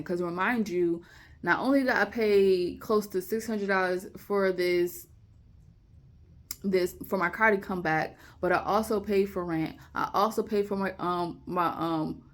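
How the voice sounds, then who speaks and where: A young woman tells a personal story straight to her viewers. She talks casually and brings each phone call to life by acting it out. Her pitch sits in the usual middle range for a woman. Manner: animated retelling, acts out phone calls. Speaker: vlogger. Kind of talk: storytelling to camera.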